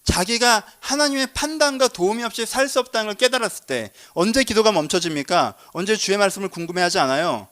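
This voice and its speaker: Male pastor preaching fast and casually in church, quizzing his listeners. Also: high voice, expressive, fairly bright tone. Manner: conversational, asks the congregation questions, jokes. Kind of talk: sermon.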